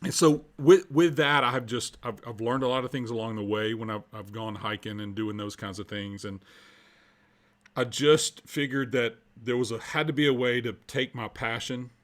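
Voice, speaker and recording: A podcast guest in his fifties, a culture coach and minister with an American accent, answers interview questions earnestly and conversationally, repeating phrases to stress them. His mid-range voice is steady at a moderate pace.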